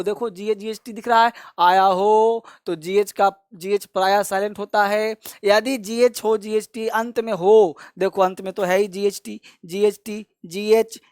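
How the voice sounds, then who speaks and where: A man's voice: high voice, no echo. Patient man drilling a lesson, dry sound. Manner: repeats each rule over and over, coaxing students; fond, familiar address to viewers as friends and kids. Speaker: spoken English teacher. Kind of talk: classroom lesson explanation.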